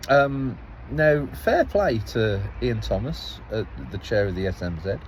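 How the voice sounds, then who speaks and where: A man's voice: medium pitch, sing-song, unhurried, slight background noise, low-quality recording. A man giving a casual spoken account as a local parish councillor, rambling and restarting phrases as he tells the story with some exasperation.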